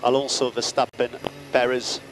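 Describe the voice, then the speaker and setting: A male race engineer speaks over race car radio in a clipped, procedural way. His mid-pitched voice sits in clear vehicle noise. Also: flat delivery, moderate pace. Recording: noisy team radio, car noise behind.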